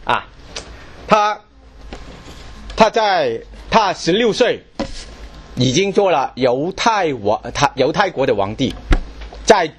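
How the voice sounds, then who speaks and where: A man's voice: a little high, sing-song, slow, long pauses, a little hiss or hum. A man preaching a sermon, asking the congregation questions and repeating his words as he goes.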